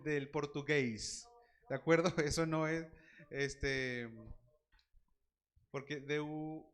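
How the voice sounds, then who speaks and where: Male Bible teacher, slightly high voice, playful and quizzing his class. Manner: lively, quizzes students by name, jokes.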